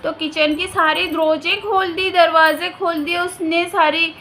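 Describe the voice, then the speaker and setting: Woman vlogger, high and bright, emphatic venting to camera at home. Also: steady tone, measured pace, slight background noise. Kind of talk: casual chat to camera. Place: her own house, indoors.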